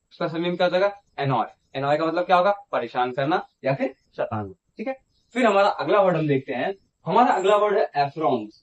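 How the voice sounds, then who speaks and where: High-voiced man drilling vocabulary. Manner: repeats each word and asks it back; ends phrases with a checking "theek hai". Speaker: English vocabulary teacher. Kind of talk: repetitive classroom-style lesson. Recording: dull lo-fi sound.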